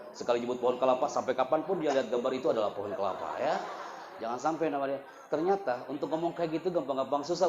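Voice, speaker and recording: A man holds a microphone and gives a lively religious pep talk to boarding school students. He teases the kids, then bursts into high, loud storytelling. The sound is a bit muffled, with a faint hiss underneath. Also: echoey room. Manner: teasing, playful, jumps to loud high dramatic storytelling. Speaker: motivational speaker. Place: Islamic boarding school gathering. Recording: slightly dull with faint noise.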